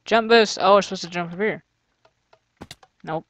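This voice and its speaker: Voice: mid-range voice, moderate pace, a bit bright. A gamer giving casual let's-play commentary, thinking aloud, grumbling and joking sarcastically. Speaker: gamer playing through a custom map.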